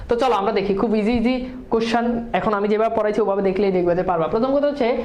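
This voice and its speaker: In an echoey room with slight background noise, a woman teacher with a mid-range, slightly mellow voice runs an exam-prep lesson. She fires quick questions at students, trades fast answers, and mixes English words into her speech.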